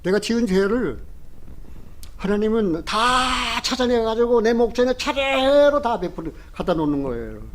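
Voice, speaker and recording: A man preaching a sermon as pastor, moving from quiet, low retelling and pleading prayers to loud exhortation, with rhetorical questions. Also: big pitch swings, measured pace.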